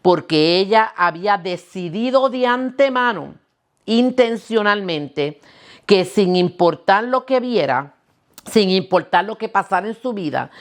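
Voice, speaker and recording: Woman pastor preaching a sermon. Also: lowish voice. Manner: asks the listeners questions, restarts words.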